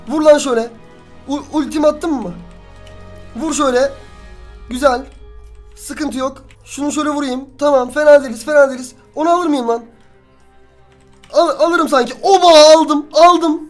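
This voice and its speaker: A young man giving live commentary on a team battle game, excitable, cursing and shouting at his teammates. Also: very high voice, moderate pace, long pauses, soft background music. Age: young adult. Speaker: gaming youtuber.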